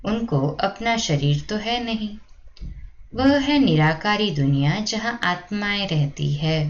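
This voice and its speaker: A woman giving a slow, measured reading of a spiritual discourse in a steady reciting tone. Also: fairly low pitch, muffled recording. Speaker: spiritual reader.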